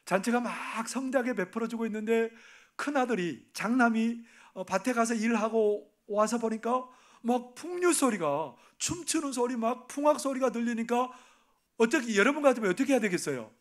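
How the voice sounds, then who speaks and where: High-pitched guy giving a sermon, acts out the story voices, gets real quiet then loud again. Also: expressive, moderate pace. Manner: asks the congregation questions and acts out the parable's voices; swings from loud emphasis to hushed, near-whispered asides. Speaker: preacher.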